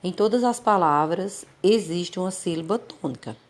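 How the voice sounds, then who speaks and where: A woman's voice: fairly low pitch, animated. A woman teacher with a Brazilian Portuguese accent, giving a recorded lesson, patient and repetitive, drawing out example words to stress their syllables. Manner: patient, explains slowly and repeats points. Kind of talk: recorded remote classroom lesson.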